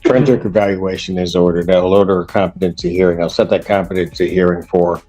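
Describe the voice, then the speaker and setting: A man presiding as judge, speaking firmly and deliberately in a courtroom recording. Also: deep voice, steady tone, dark tone, soft background music. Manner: firm, deliberate, procedural. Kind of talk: courtroom proceedings.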